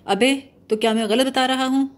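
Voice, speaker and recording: A woman's voice: high voice, steady tone, voice pushed up, close to an everyday voice. A woman reading the part of a bumbling, mock-serious young man who blusters and lectures pompously. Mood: blustering.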